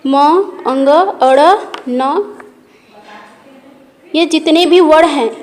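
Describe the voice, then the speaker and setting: Slow, high-voiced woman teaching grammar. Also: big-room sound. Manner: patient, repeats each point slowly. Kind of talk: classroom grammar lesson.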